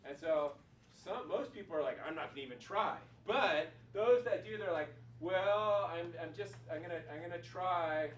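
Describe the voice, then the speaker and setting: A middle-aged chiropractor giving a casual, rambling motivational talk to a group, full of "like" and repeated words. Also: male voice, sits high, normal speed. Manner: casual, filler-heavy, repeats himself. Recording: echoey room, far from mic, noisy.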